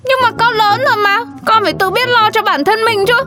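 A woman's voice: extremely high pitch, fairly even intonation, fairly quick, loud music behind the voice. A woman playing a stubborn teenage schoolgirl who argues back at her mother in a comedy sketch. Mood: defiant. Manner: defiant, whiny arguing.

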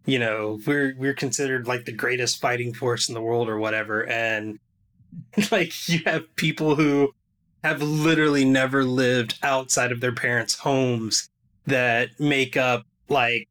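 A man's voice: medium pitch, fairly even intonation, a bit bright. A young adult man hosting a podcast, chatting casually with a guest and laughing now and then. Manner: casual, laughs often, quick asides. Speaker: podcast host.

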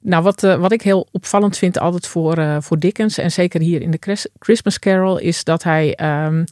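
A woman's voice: lowish voice, normal speed, a little mellow, no echo, clean studio sound. A woman translator talking as a guest in an interview, hesitant and full of fillers. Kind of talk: casual interview talk.

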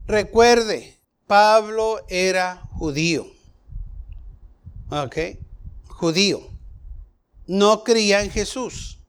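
A man with a high voice teaches a Bible passage in an unhurried sermon. He talks slowly and deliberately, explaining each verse and turning to his listeners with questions. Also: clean tone.

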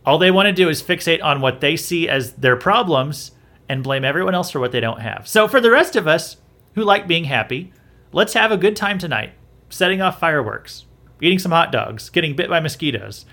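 Bright-voiced man giving opinion commentary. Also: on the high side, expressive, fairly quick. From southern United States. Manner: conversational, repeats himself and restarts often. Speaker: podcast host.

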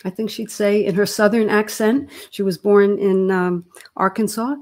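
A woman's voice: medium pitch, fairly even intonation, normal speed, darkish tone. A woman in her sixties, a therapist co-hosting a podcast, talking in a reflective, earnest way and searching for her words. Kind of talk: casual podcast chat.

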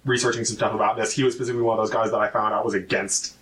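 A man's voice: lowish voice, flat delivery, rapid-fire, a bit bright, far from the mic. A man chatting casually as a player in a tabletop game.

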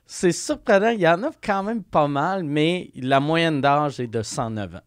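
A man with a Quebec French accent hosting a podcast in relaxed, casual conversation. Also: a little high, unhurried, no echo, clean studio sound. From Quebec City. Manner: relaxed, chatty, laughs easily. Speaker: podcast host. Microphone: studio mic.

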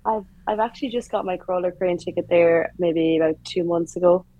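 A woman's voice: on the low side, fairly quick, warm tone, low-quality recording. A young woman with a west of Ireland accent, chatting informally as a guest in a casual interview. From Galway, west of Ireland. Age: young adult. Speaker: tower crane operator, interview guest.

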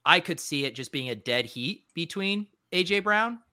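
A man co-hosting a sports podcast, relaxed and agreeable, swearing casually. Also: fairly high pitch, normal speed. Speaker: podcast co-host.

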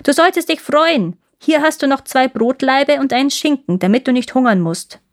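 A woman's voice: sits high, moderate pace, pitched above the performer's own voice, close to an everyday voice. A woman voicing a fierce, bossy little robber girl who talks bluntly and teasingly in a storybook reading.

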